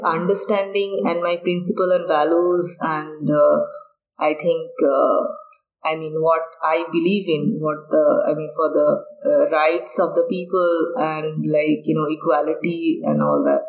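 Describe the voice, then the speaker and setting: A woman's voice: deep voice, unhurried, poor audio. A woman from Bangladesh, a researcher being interviewed, who talks hesitantly with many fillers and restarts. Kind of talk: podcast interview. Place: on a university campus.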